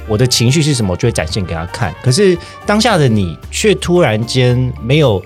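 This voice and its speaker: A man's voice: medium pitch, sing-song, a little fast, darkish tone, faint music behind. A man with a Taiwanese Mandarin accent hosting a casual podcast, teasing and joking with his guest. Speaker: podcast host.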